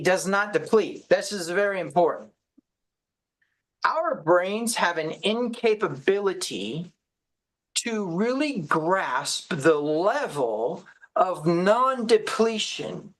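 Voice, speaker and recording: A woman teaching a sermon at a ministry service, deliberate, repeating key phrases and checking in with her listeners. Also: on the low side, rough recording. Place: church service.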